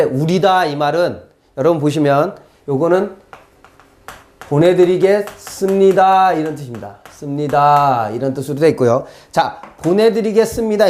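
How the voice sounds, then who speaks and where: Exam-prep lecturer, mid pitch with a very lively melody, who dramatizes quotes and asks rhetorical questions. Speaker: exam-prep literature teacher. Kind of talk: recorded classroom lecture.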